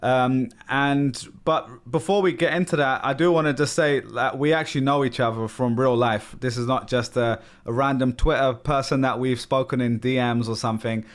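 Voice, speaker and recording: A man's voice: medium pitch, fairly even intonation, normal speed, hardly any pauses. A man with an American accent hosting a podcast interview, chatty and friendly, with frequent um and you know. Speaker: podcast host.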